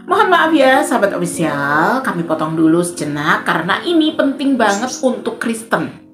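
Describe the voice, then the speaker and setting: A woman's voice: mid-range voice, normal speed. A woman hosting her channel, giving emphatic religious commentary straight to her viewers. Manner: addresses viewers directly, lively and emphatic. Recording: roomy sound with faint background music.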